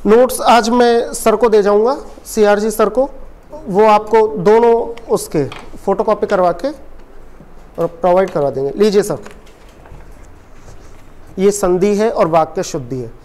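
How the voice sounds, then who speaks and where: A Hindi teacher with a high, somewhat mellow voice takes his time, leaving long pauses as he lectures a coaching class. Again and again he quizzes the students and answers his own questions in a call-and-response drill.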